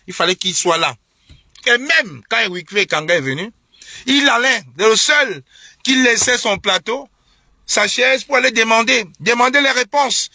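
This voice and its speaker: A man's voice: high-pitched, bright, forceful tone, dry recording, studio quality. A young man from Cameroon, ranting on a live stream with indignant, repetitive, mocking talk and scornful laughs. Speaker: online political commentator. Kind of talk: heated live-stream rant.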